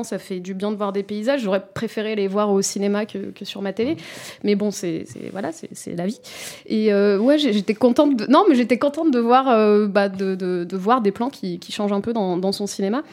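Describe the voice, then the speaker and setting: A woman shares her view of a film in an easygoing panel conversation. She speaks at a mid pitch and a natural pace. Her delivery is relaxed, with frequent fillers. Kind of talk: casual film review chat.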